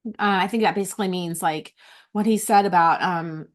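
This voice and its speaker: A woman's voice: on the low side, normal speed. A middle-aged woman in a casual vlog sharing her notes from a retreat, heartfelt and close to tears, often restarting her phrases. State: tearful.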